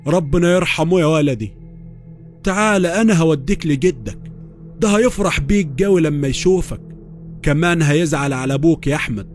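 A man's voice: mid-range voice, fairly quick, faint music behind, close to an everyday voice. A man voicing a kindly old village man with an Upper Egyptian accent, hearty and sorrowful in an audio horror story. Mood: earnest. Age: older.

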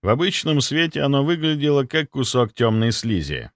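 A man's voice: medium pitch, big pitch swings, normal speed, no room sound, clean studio sound. A man narrating a first-person audiobook in a tense, wry storytelling manner.

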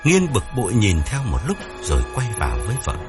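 A man narrating an audiobook story in an expressive, dramatic storytelling manner. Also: fairly low pitch, fairly quick, over music.

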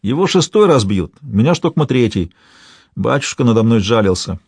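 A beaten young peasant, voiced by a male storyteller speaks faintly in halting phrases. His voice stays at a man's middle pitch, dry and close. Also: sing-song, a little mellow, husky, no room sound. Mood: weak.

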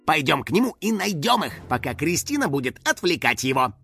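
A pompous squeaky house-spirit detective. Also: male voice, sing-song, fairly quick, vocal fry, sharp tone, breathy edge, faint music behind, full character voice. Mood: boastful. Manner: grandly self-important, bossy exclamations.

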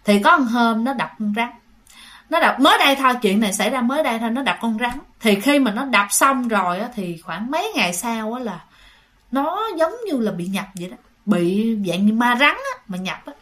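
A woman's voice: on the high side, animated, a little fast, fairly bright tone. A woman telling ghost stories in a chatty way, speaking straight to her listeners. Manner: chatty, addresses listeners directly, repeats phrases. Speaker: ghost story teller. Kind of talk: casual spoken storytelling to listeners.

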